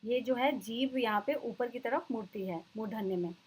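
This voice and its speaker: A woman teacher giving an exam-prep lecture, explaining terms and slowly repeating them for her students. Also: a little high, darkish tone, slightly rough, low-quality recording.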